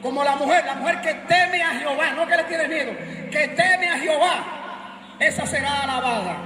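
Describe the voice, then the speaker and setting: Middle-aged Puerto Rican male preacher, very high shouted voice, echoey church with music and crowd. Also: moderate pace. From Puerto Rico. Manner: shouting, emphatic, joking with the congregation. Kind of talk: sermon.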